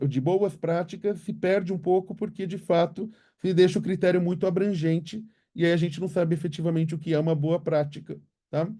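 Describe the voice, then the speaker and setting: A man's voice: high-pitched, warm tone. A man with a Brazilian Portuguese accent, a literacy researcher answering viewer questions in a live webinar, explaining patiently and ending points with tag questions.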